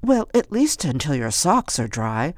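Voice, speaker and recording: A reader voicing a calm, kindly grown woman, a mother, speaking gently in a storybook. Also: medium pitch, a little slow, no room sound.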